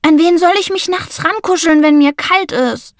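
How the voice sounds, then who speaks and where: A woman voicing an exuberant, cuddle-loving young boy who talks in squeaky, gushing, drawn-out words. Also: dry recording, clean studio sound.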